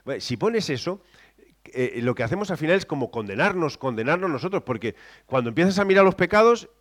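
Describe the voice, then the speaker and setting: A man preaching a sermon, moving between quiet scripture reading and loud, emphatic exclamations. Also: on the high side, big pitch swings, brisk.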